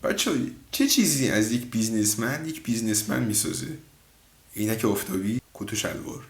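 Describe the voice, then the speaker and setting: A man's voice: lowish voice, lively intonation, reverberant. Joking man hosting a reaction video. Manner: joking, mock-lecturing asides. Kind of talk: casual comic commentary.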